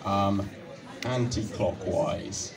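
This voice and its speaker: A young man on an outdoor stage at night, politely giving step-by-step instructions into a handheld mic. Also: fairly low pitch. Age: young adult. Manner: patient, polite, slow instructions with soft laughs. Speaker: instructor guiding a cube solve. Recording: distant mic with crowd and music.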